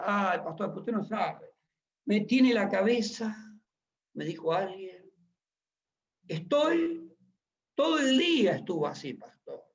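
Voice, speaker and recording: A middle-aged man preaching a sermon as pastor, emphatic and asking the congregation questions. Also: high-pitched. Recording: dull lo-fi recording.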